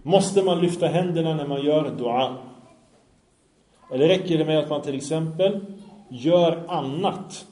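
A man's voice: on the high side, long pauses, dark tone, reverberant. A man giving a lecture, earnest, often asking his listeners questions. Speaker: Islamic lecturer. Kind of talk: religious lecture with audience questions.

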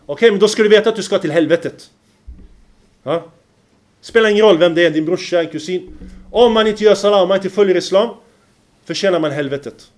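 A man giving a religious lecture, often pausing to check that his listeners follow and reciting Arabic verses in a chanting lilt. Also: high voice. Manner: keeps checking the listeners follow, with rhetorical questions. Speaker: preacher.

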